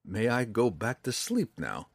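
A man voicing a calm, polite young male dark elf who speaks in a measured, formal way. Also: mid-range voice, dry recording, voice pushed up, heavily acted. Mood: earnest.

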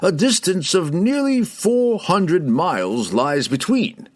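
A man reading aloud, voicing an old male wizard who speaks slowly and ominously. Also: high-pitched, big pitch swings, voice pushed up, exaggerated voice. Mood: grave. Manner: slow, measured, ominous delivery.

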